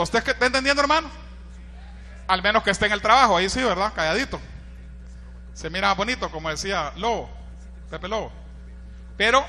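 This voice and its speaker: A man with a Honduran accent preaching a sermon, animated, shouting out quoted cries and often turning to the listeners with rhetorical questions. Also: very high voice, long reverb tail. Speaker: pastor.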